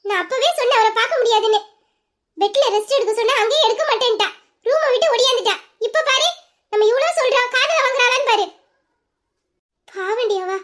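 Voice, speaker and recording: A woman voicing a young female friend who gently reasons with and soothes a crying girl in an audio drama. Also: very high-pitched, a little fast, long pauses. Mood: consoling.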